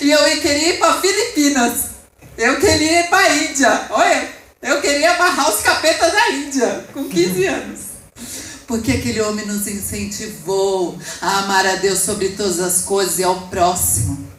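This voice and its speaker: Speaking at normal speed in a high, fairly bright voice, a woman with a Brazilian Portuguese accent delivers a passionate sermon that rises and falls, with asides to the congregation. The sound echoes through the church hall.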